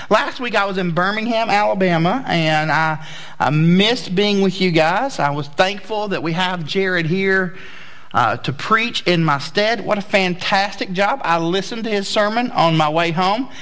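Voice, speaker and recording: An American pastor, a man of forty, delivers a church sermon in a high-pitched voice with a bright, forceful edge. He talks to the congregation conversationally and drives points home with emphatic repetition. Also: moderate pace.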